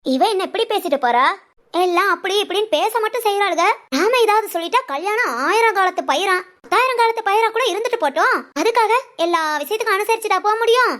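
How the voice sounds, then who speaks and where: A woman's voice: very high voice, expressive, fast, a bit bright. A woman voicing a stubborn, scheming village mother-in-law in a cartoon, talking in a blunt, scolding way. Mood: defiant. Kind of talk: cartoon voice acting.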